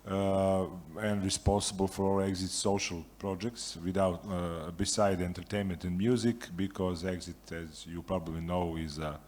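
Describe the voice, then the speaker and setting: A man's voice: sits low, flat delivery, moderate pace, hardly any pauses, darkish tone. A man from Serbia introducing himself as a festival manager on a panel, friendly and explanatory.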